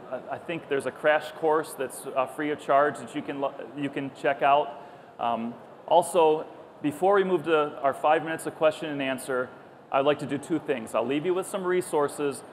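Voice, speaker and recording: This conference speaker, a middle-aged company founder with a fairly high pitch, speaks from a stage in a crowded trade show hall. His talk is conversational and anecdotal, told with animated storytelling and acted-out dialogue. He wears a clipped lapel mic, and the clear recording carries the event hall's background noise.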